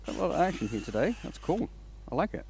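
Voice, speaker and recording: A man's voice: fairly high pitch, sing-song, quick pace, gravelly, a little mellow, a little hiss or hum. A man from Denmark hosting a casual woodturning livestream, rambling and restarting his sentences as he greets viewers. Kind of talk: casual live-stream chat while working.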